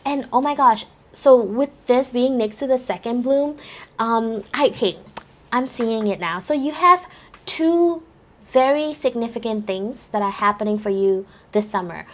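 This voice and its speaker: A woman's voice: a little high, a little slow. A bubbly young woman giving a chatty pick-a-card tarot reading, laughing often. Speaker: tarot reader.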